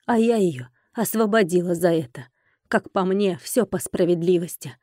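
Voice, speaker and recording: A woman doing a wry, soft-spoken older mother. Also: fairly low pitch, moderate pace, no room sound, clean studio sound, natural voice.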